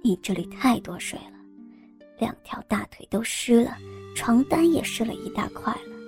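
A woman's voice: expressive, normal speed, a little mellow, faint music behind. A woman doing a sly, whispery young scholar. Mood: teasing. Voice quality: low, breathy, half-whispered. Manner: sly and teasing. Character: teasing young male scholar, low and coaxing. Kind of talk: storybook role-play.

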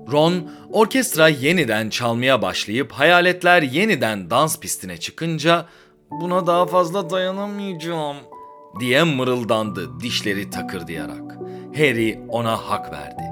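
A man hosting a podcast, reading a story aloud dramatically and acting out the characters' lines. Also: medium pitch. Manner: expressive, voices characters' lines. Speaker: podcast host and reader.

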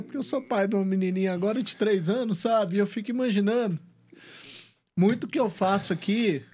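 A man in his thirties hosting a podcast, talking in a sincere, reflective, casual way. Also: very high voice. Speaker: podcast host. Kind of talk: casual interview chat.

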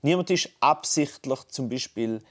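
A man's voice: medium pitch, expressive, normal speed. A man, co-hosting a casual podcast talk and thinking aloud with many restarts. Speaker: podcast co-host. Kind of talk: casual conversation. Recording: phone call.

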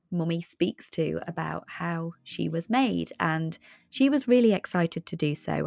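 Creaky-voiced woman host, close and dry. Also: lowish voice, a little mellow, dry recording. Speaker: podcast host. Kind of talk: heartfelt podcast outro narration. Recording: close dry voice over faint music.

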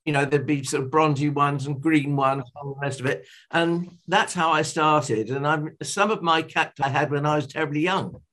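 Higher-voiced older British man, chatting emphatically. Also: fairly even intonation, normal speed, hardly any pauses, a bit bright. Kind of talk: casual conversation about gardening.

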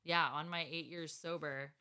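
A woman's voice: deep voice, steady tone, moderate pace, pushed and bright, clean tone. A woman in her thirties, a podcast co-host, telling her story in casual chat, blunt, sarcastic and full of swearing. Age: 30s.

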